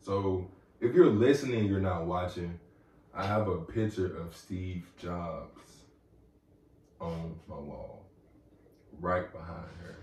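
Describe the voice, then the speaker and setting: A man's voice: sits low, slow, long pauses, a little mellow, a little hiss or hum. A man hosting a podcast in casual chat, loose, slangy and joking with his guest. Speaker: podcast host. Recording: roomy, distant mic, faint ambience.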